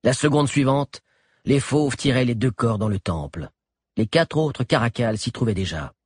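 A man's voice: mid-range voice, lively intonation, normal speed, slightly rough, no room sound, clean studio sound. A man narrating an adventure story as an audiobook, telling it expressively. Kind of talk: scripted narration.

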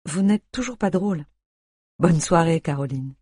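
A grumpy, sardonic male doctor, read by a narrator in an audiobook, curt and deadpan with his jokes. The voice stays husky and dry, close to the mic. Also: medium pitch, moderate pace, dry recording.

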